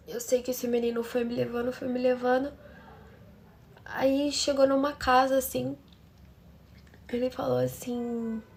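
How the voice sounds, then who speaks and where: Uma mulher brasileira que conta de forma dramática uma história pessoal, falando diretamente com as ouvintes. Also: female voice, high-pitched, darkish tone, a little hiss or hum. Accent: Brazilian Portuguese. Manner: dramatic, talks straight to her listeners. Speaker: storytelling channel host. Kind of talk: emotional first-person storytelling.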